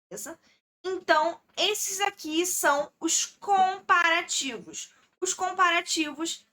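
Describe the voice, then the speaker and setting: A young adult woman with a Brazilian accent teaches an exam-prep English lesson, her voice high and bright. She explains slowly and patiently, step by step, checking in with her listeners as she goes. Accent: Brazilian Portuguese.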